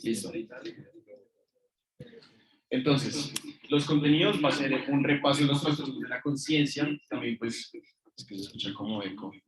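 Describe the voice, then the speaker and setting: A man lectures a class in a cavernous, echo-heavy room, each phrase trailing a long hollow reflection. His voice sits at an ordinary middle pitch and his manner is loose and chatty, full of fillers as he fires questions at his students. It sounds like a room mic catching a hybrid class with a Zoom feed. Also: moderate pace, pauses often. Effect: heavy echo from a large room. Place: large classroom.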